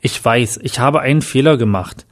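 A man's voice: medium pitch, moderate pace, close to an everyday voice. A man voicing a guilty, defensive father in a read-aloud story. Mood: tense. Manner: defensive, pleading.

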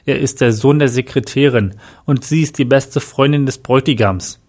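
A man's voice: medium pitch, moderate pace, darkish tone, close to an everyday voice. A man voicing a hurt, reproachful young man in a read-aloud story. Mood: upset. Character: angry, tearful young man.

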